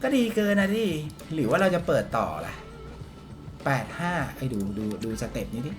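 Excitable male gaming host who yelps at every reveal, voice swooping up and down, talking to viewers over background music. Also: fairly high pitch, normal speed. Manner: excitable, yelps and shrieks at results; addresses viewers directly. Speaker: mobile game YouTuber. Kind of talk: excited gameplay commentary.

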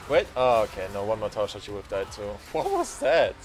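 A man streaming a game on a headset mic, reacting with excitable swearing and laughter. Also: on the low side, normal speed. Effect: livestream headset mic audio. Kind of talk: live gameplay commentary. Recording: streamed voice with game music behind. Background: game music.

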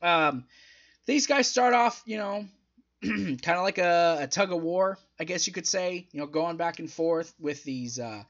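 In a small home room, a young man speaks into a desk mic placed close in front as he hosts a wrestling review. His fairly bright, higher voice is expressive and a little slow, delivering casual, emphatic opinions conversationally with a slightly strained throat. The highs in the audio are cut off.

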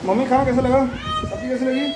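A man's voice: extremely high pitch, brisk, over loud music. A young man, a family vlogger chatting casually at home and often calling his viewers brother. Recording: noisy home phone recording.

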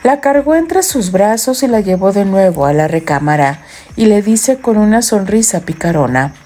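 Woman, romance audiobook narrator, gentle storytelling, warm dark tone. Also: medium pitch, sing-song, normal speed, faint music behind.

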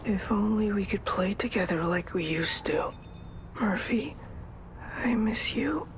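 A woman voicing a sick, lonely child in a video game, quietly hurt and hesitant, with a soft, breathy, often whispery voice. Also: medium pitch, a little slow, close to an everyday voice. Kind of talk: video game character acting. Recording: faint ambient noise behind the voice.

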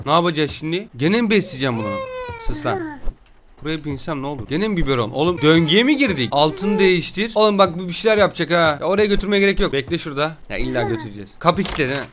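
A young man doing excited gameplay commentary, jumping from loud yells and curses at the game to low muttering. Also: fast talker, noisy background. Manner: jumpy, yells and swears at the game, then mutters. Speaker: gaming YouTuber.

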